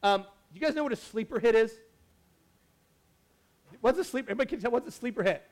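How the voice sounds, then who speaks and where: High-voiced man preaching a chatty sermon. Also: fast. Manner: chatty, animated, full of asides and restarts. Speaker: pastor. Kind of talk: casual sermon.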